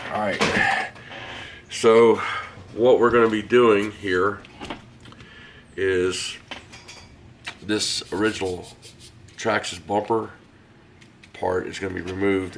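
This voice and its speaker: A man with a head cold, sounding hoarse, hosting a casual hobby how-to and explaining each step in a relaxed, rambling way with lots of fillers. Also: low voice, slow, long pauses, noisy background. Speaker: host of a hobby garage channel.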